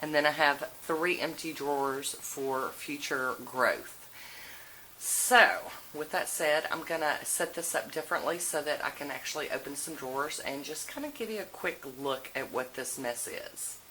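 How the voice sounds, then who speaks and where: Showing her nail polish collection, this woman speaks at normal speed in a deep voice that's pushed and bright. It's an informal, folksy home video shot on a handheld camera, with noise and clicks throughout.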